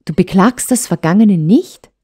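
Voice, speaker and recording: A woman voicing a hurt young wife who pleads and reproaches her husband with urgency, in a mellow tone. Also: mid-range voice, lively intonation, measured pace, breathy edge, pitched above the performer's own voice. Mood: questioning.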